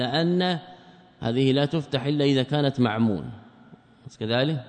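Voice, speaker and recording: A male sheikh teaches a classical religious lesson in a large hall, and his mid-pitched voice carries a long reverb. He poses questions to his students and answers them himself. Now and then he recites grammar verses from memory. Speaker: sheikh teaching a creed commentary.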